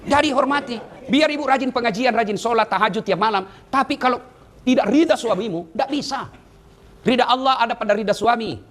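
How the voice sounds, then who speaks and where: Fast, high-voiced joking preacher. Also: male voice, fairly bright tone. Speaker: Islamic preacher. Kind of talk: humorous sermon.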